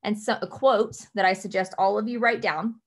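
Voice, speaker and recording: A young woman leading her team from a home office over a webcam, giving earnest, emphatic advice and slowing down to stress her key points. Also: medium pitch, steady tone. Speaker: team leader. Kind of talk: motivational coaching talk.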